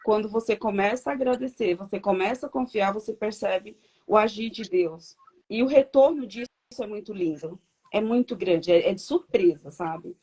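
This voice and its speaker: A woman's voice: medium pitch, normal speed, mellow, husky. A woman giving an earnest, reflective personal faith testimony as a guest on a video call.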